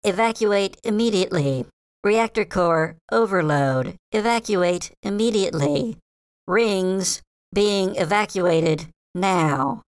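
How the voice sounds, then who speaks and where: A man's voice: sits high, slow, clear, resonant tone, no echo, pitched above the performer's own voice. A man doing a glitching robot station alarm. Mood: urgent warning. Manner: flat repeated emergency warnings. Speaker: game master.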